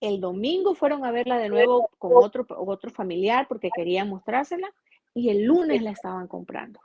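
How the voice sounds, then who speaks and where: A woman with an Ecuadorian accent, a journalist guest telling a personal story in a casual interview, earnest and animated, often restarting her sentences. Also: fairly high pitch, normal speed, no room sound, lo-fi sound. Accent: Ecuadorian Spanish.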